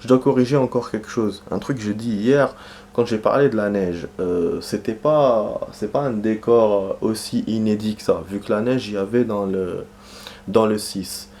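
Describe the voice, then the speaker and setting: A man's voice: on the low side, moderate pace, a little mellow, a little hiss or hum. A man giving casual let's-play commentary, rambling and hesitant, with lots of fillers and restarts. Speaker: gaming commentator.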